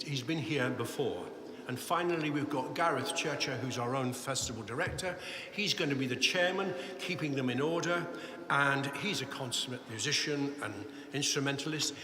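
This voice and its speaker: A man's voice: medium pitch, bright, forceful tone, a little hiss or hum. A man announcing choirs and judges at a live cathedral competition, chatty and correcting himself as he goes. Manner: chatty, self-correcting, apologetic asides. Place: large cathedral. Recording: echoey cathedral with long reverb.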